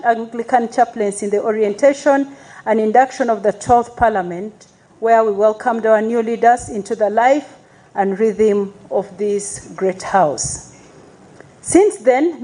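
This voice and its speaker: A woman chaplain speaks in a formal, measured way before a congregation. Her voice sits fairly high, and she leads call-and-response praise between her remarks. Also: warm tone, rough recording. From Uganda. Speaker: Anglican parliamentary chaplain. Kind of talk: church address to a congregation.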